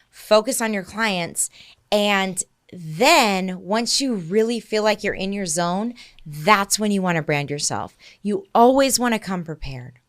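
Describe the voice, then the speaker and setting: A woman's voice: mid-range voice, a bit bright. A woman co-hosting a casual podcast as a real estate listing agent. She tells stories with quoted dialogue, laughs often and gives advice.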